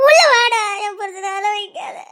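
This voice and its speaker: A desperate wife with a Tirunelveli Tamil accent, begging tearfully over and over, as an actress plays her. Her voice sits extremely high and rings sharp and bright. The acting is melodramatic and shrill. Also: normal speed. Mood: tearful pleading. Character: distraught wife pleading for her husband. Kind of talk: melodramatic web-series acting.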